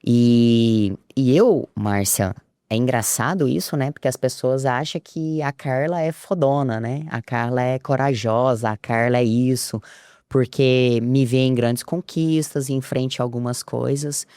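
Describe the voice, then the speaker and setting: A woman's voice: a little slow, mellow, no echo, clean studio sound. A woman, a podcast guest telling a personal story and acting out the dialogue. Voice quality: low voice. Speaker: interview guest.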